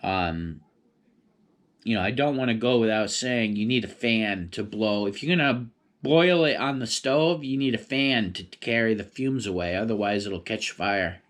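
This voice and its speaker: A man's voice: fairly low pitch, a little slow, fairly bright tone. Laid-back rambling stoner guy. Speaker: vlogger. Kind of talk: casual solo rambling chat.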